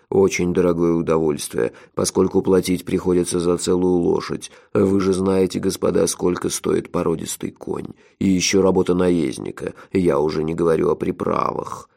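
A man's voice: deep voice, gravelly, mellow, voice pushed down. A man voicing a pompous, unsmiling innkeeper and chef in a fantasy audiobook, talking in a formal, ceremonious way. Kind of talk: audiobook character voice.

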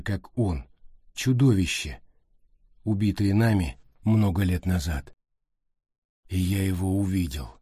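A man narrating an audiobook in a steady, even storytelling voice. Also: low-pitched, slightly rough, dry recording, clean studio sound. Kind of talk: scripted narration.

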